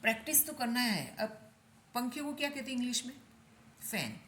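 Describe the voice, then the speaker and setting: A woman's voice: a little high, very animated, very noisy. Indian woman, Hindi-speaking English tutor, patient drilling of phrases, echoey room. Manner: repeats English model sentences slowly, explains in Hindi. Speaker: English teacher. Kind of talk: spoken English lesson.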